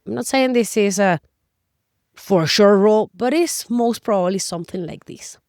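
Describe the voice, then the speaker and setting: A woman's voice: medium pitch, moderate pace, darkish tone, no room sound, studio quality. A middle-aged woman, a native Spanish speaker with a Spanish accent, explains things as a nutrition coach in emphatic, conversational, Spanglish-tinged English. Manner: non-native English with Spanglish word slips; emphatic, conversational, addresses listener directly. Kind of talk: explanatory talk to camera.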